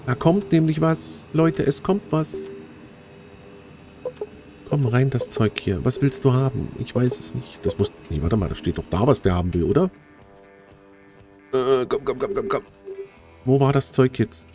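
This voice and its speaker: A man giving chatty, casual commentary while playing a game, talking straight to his viewers and getting easily excited. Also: mid-range voice, unhurried, pauses often, music in the background. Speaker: let's play host.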